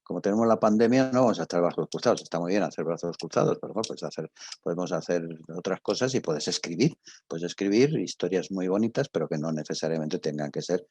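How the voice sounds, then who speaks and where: An older man from Spain, a radio drama professor and guest speaker, gives an informal talk and takes questions with a Spanish accent. His low, husky, darkish voice is halting and emphatic, and he often repeats himself; the recording is dry.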